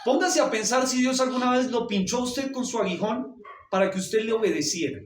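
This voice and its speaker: High-voiced pastor preaching in echoey church. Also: male voice, expressive, brisk. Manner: asks the congregation questions and answers them. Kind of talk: sermon. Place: church hall. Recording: roomy church hall, mic far off, faint noise.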